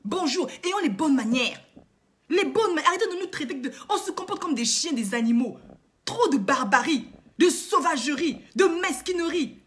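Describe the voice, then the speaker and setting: Brief: woman vlogger with a high voice, indignant, lectures her viewers through repeated rhetorical questions. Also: animated, moderate pace. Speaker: online coach and vlogger. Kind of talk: impassioned moralizing monologue to viewers.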